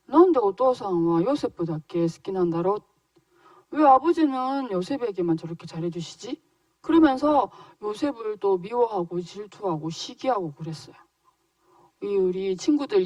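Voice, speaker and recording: A woman teaching in a children's church service, telling a Bible story in an animated way and asking the children questions. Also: medium pitch, dry recording, distant mic. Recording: dry voice a little off-mic.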